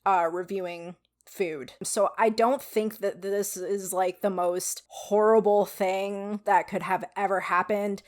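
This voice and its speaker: A woman's voice: mid-range voice, steady tone, slow, hardly any pauses. A woman with a weak voice giving frank, casual opinion commentary to viewers, with some swearing. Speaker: video commentator.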